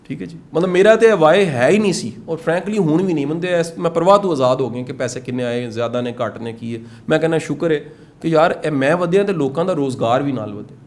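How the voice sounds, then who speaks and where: A middle-aged man with a Punjabi accent speaks to a room of course participants in an earnest, urging way, slipping English phrases into his talk. His voice sits a little high for a man. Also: expressive. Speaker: motivational speaker teaching a course. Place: indoor classroom with participants.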